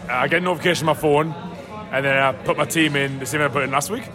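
A man making dry, deadpan quips in group banter. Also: fairly high pitch, very fast, over music.

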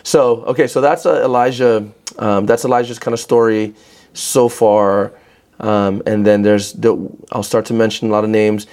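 A man who hosts a casual podcast and owns a gym talks in a rambling way, full of restarts and fillers. His voice sits on the low side, with a steady, slightly mellow tone at normal speed.

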